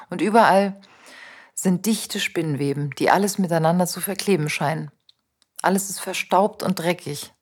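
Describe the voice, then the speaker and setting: A woman reading a first-person story aloud as the narrator, in a calm and measured way. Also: on the low side, breathy edge.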